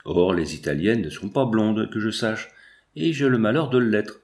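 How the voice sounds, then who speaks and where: A man's voice: lowish voice, very animated, normal speed, darkish tone. A man reading the lines of a tactful, self-deprecating young woman in an audiobook.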